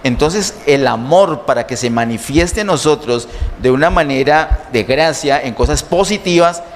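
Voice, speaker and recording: A male pastor preaching slowly and emphatically, asking the congregation rhetorical questions. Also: medium pitch, expressive. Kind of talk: sermon. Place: church sanctuary. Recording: long church reverb, faint noise.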